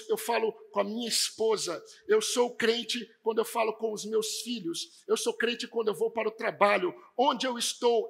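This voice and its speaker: A man delivers an emphatic church sermon, his high voice gravelly and strained. The tone is bright and sharp, with a husky edge. He swings his intonation from hushed to forceful. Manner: emphatic preaching, varied intonation. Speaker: pastor.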